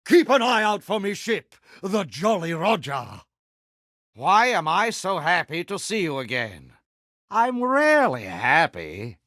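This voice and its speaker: An actor playing a vain, pompous villainous pirate captain in a video game, speaking with theatrical mock-genteel flourish and pirate slang. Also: male voice, high voice, sing-song, slow pace, bright, forceful tone, no echo, clean studio sound, heavily acted. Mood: smug, courtly.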